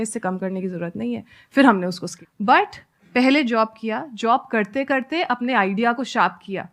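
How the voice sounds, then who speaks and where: Earnest woman founder giving advice. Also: fairly high pitch. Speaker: guest, business founder.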